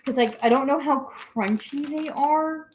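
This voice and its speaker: A woman's voice: high voice, a little slow, a little hiss or hum. A young adult woman hosting a casual home livestream, rambling as she reads viewer comments aloud. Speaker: guinea pig channel host. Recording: echoey room.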